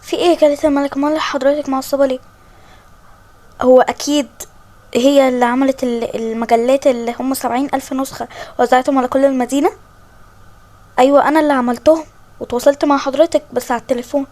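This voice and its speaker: A woman's voice: high-pitched, steady tone, fast, pauses often, darkish tone, close to an everyday voice. A woman voicing a polite, eager young journalist in a toy-game story, with an Egyptian Arabic accent.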